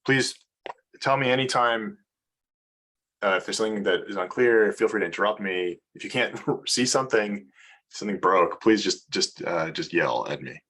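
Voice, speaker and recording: A man's voice: lowish voice, expressive, moderate pace, a bit bright. A man giving an informal research seminar talk on mathematics over a video call, hesitant, with many fillers and restarts. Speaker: mathematics lecturer.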